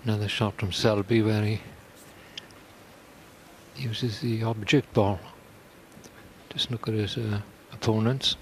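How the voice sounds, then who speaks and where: A man giving conversational live snooker commentary in an informal, unhurried manner. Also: on the low side, fairly even intonation, slight background noise.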